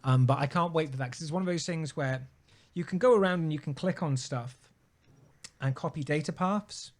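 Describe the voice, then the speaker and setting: Guy, slightly higher voice, talking himself through a tech problem on a call, half-finished sentences and restarts. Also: normal speed. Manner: thinks aloud, trailing off and restarting. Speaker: software user on a live Q&A. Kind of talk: casual technical problem-solving chat.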